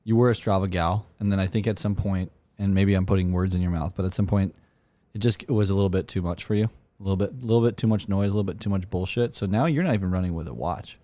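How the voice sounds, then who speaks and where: A man's voice: deep voice, quick pace, mellow, no room sound. A man hosting a casual podcast chat, talking loosely with fillers and the odd swear word. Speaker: podcast host.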